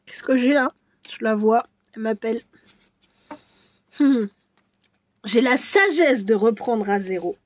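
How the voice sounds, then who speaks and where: A woman doing a casual tarot reading for viewers, musing and hesitant, with many restarts and soft asides. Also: fairly high pitch, measured pace, pauses often. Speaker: tarot reader.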